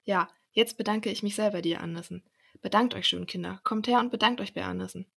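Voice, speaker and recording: A kind, motherly gnome wife , voiced by a woman reading aloud, calm and gently scolding in a storybook. Her voice is gravelly and husky. Her pitch sits in the middle. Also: a little fast. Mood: grateful.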